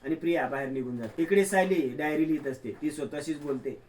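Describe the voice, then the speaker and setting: A man narrating an episode recap of a TV serial in steady storytelling. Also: on the high side, quick pace, distant mic, slight background noise.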